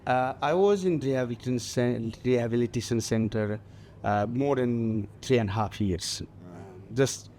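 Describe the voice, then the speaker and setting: Halting Nepali-accented man in interview. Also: medium pitch, a little mellow, a little hiss or hum. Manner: halting, many fillers, laughs lightly. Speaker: guest mountaineer. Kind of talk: festival stage interview.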